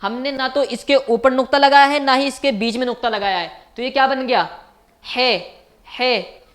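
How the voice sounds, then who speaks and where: A man with a very high, slightly bright voice teaches at a fairly quick pace in a recorded online lecture. He is a language teacher who patiently repeats each point and puts questions to his viewers.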